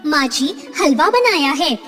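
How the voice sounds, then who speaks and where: A woman's voice: sits high, sing-song, unhurried, exaggerated voice. A woman voicing a meek young daughter-in-law. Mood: pleading. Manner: soft, polite and pleading. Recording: long reverb, faint music behind.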